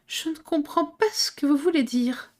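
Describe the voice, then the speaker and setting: A woman voicing an impatient young girl who speaks in a high, insistent, exasperated way. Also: moderate pace, a little mellow, natural voice. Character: impatient young girl, quick to get irritated.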